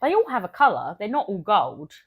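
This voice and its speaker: A woman's voice: mid-range voice, very animated, brisk, husky, narrow, tinny audio. A woman co-hosting a film podcast in casual, enthusiastic chat, often trailing off and restarting. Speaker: podcast co-host.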